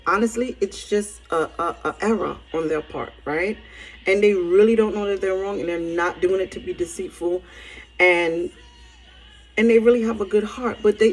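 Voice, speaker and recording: A woman with a medium-pitched voice gives an informal sermon, telling colloquial stories with animated emphasis and frequently checking in with "right?" tags. The recording is low quality.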